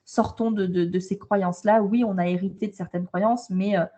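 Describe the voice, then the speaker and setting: Speaking indoors on a trip abroad, this woman from France is a holistic coach for women, appearing as a guest in a relaxed interview. Her mellow, medium-pitched voice holds a steady tone at normal speed as she speaks bluntly and with emphasis, frequently repeating how she begins.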